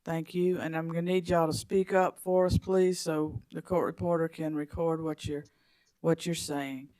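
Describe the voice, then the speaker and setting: A man's voice: on the high side, flat delivery, normal speed, darkish tone, smooth, no room sound. A man chairing a formal commission hearing, reading procedural items with some hesitant fillers.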